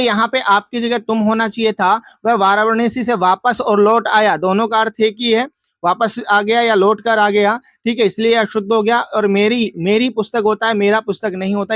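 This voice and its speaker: A man's voice: sits high, fairly bright tone, no room sound. A man teacher going through exam answers, asking questions and answering them himself in a drilling, repetitive way. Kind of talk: exam answer walkthrough lesson.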